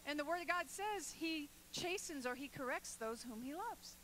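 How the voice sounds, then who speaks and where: A woman pastor delivers a sermon in a very high, bright voice. Her preaching is emphatic and builds to forceful, declarative calls. Faint noise hums beneath the recording. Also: expressive, moderate pace, low-quality recording.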